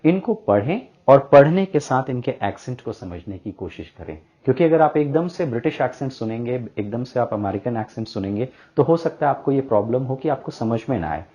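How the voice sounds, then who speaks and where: A man's voice: mid-range voice, expressive, brisk, hardly any pauses, mellow. Male teacher. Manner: explanatory, with frequent "uh" fillers. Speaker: English teacher. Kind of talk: bilingual Hindi-English lesson. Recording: dull lo-fi audio.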